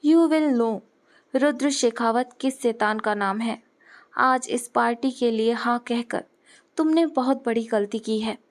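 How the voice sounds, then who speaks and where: A woman's voice: on the high side, steady tone, unhurried, a little mellow. A woman voicing an arrogant, cold young rich man who talks in a cool, sarcastic, dismissive way. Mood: scornful.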